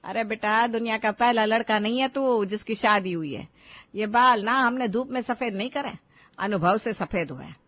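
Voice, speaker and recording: A woman's voice: fairly high pitch, normal speed, pauses often, a bit bright. A woman voicing a nagging, scolding mother. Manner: scolding, lecturing. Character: scolding middle-aged mother, nagging and sharp. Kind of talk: Hindi cartoon voice acting.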